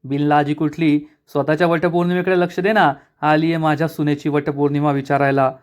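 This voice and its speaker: A man's voice: a little high, little pitch movement, a little fast, lightly acted. A man voicing a grumpy, short-tempered older village man who answers with angry, mocking retorts. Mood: irritated.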